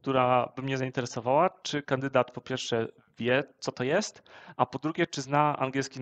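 A man co-hosting a vlog, giving steady advice with frequent hesitation fillers. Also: medium pitch, moderate pace, no room sound, dull audio. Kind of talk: casual advice chat.

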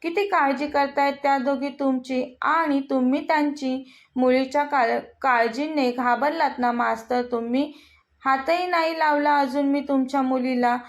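An arrogant young bully who mocks and threatens everyone around him, voiced by a woman narrating a story. The voice sits high, and the threats come out in a sneering, taunting way. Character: arrogant menacing young man, a bullying villain. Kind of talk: storybook reading.

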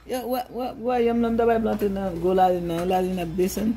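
A woman's voice: medium pitch, moderate pace, warm tone, slight background noise. A middle-aged woman with a Haitian accent chatting jokingly and exclaiming, mixing Creole with bits of English. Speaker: guest voice-over commentator, mother of the vlogger. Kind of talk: casual joking chat.

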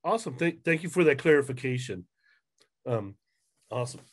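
A man's voice: medium pitch, animated. A man presenting a webinar over a video call, talking through slides with frequent fillers and restarts. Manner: halting, many fillers and restarts. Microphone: webcam on video call.

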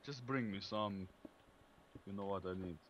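A man's voice: fairly low pitch, unhurried, fairly bright tone, lo-fi sound. A young man giving short, blunt replies while he plays a co-op game with a friend. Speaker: gamer. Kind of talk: casual co-op gameplay chat.

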